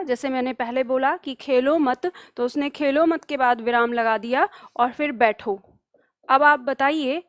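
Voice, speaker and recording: Woman teacher, high pitch, patient exam-prep explainer, dry close recording. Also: no room sound. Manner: dictates notes slowly, asks and answers her own questions. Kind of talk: exam-prep grammar lesson.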